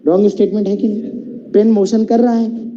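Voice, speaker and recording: A man teaching physics to a class, quizzing the students and calling them children, slowing right down to dictate definitions. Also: high voice, little pitch movement, mellow, highs cut off, a little hiss or hum. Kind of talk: classroom lecture.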